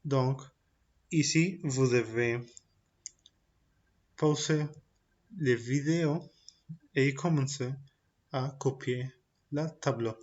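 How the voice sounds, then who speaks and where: A man's voice: mid-range voice, a little mellow, dull audio. A man teaching a recorded French lesson for young children. He says each point in French, then repeats it in Spanish, and drills the pronunciation carefully. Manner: slow and deliberate, drilling pronunciation. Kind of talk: recorded primary-school language lesson.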